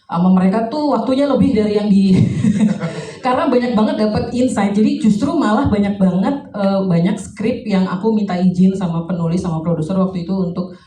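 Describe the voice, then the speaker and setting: A woman's voice: medium pitch, normal speed, warm tone. A woman film director answering at a press conference, thoughtful and full of fillers and restarts. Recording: roomy hall, distant mic, faint noise.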